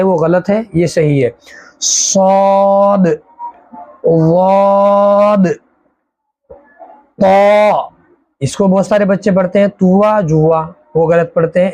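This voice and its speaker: A man teaching a Quran reading lesson as an Arabic teacher, drawing out each letter slowly and explaining how to say it. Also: high-pitched, fairly even intonation, dark tone, poor audio. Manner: slow, drawn-out recitation of letters with explanations.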